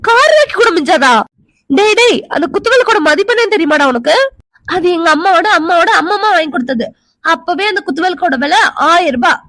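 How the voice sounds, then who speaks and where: A woman's voice: very high voice, animated, fast, fairly bright tone, dry recording, clean studio sound. A woman voicing a feisty young woman who accuses and argues, and whose voice can turn tearful. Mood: accusing.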